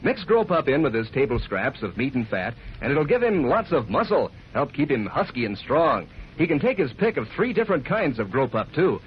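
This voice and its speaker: Lively American radio pitchman, muffled. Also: moderate pace, slight background noise. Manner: folksy, enthusiastic salesman. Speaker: commercial announcer. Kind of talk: 1940s radio advertising pitch for children. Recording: muffled old radio broadcast, faint music.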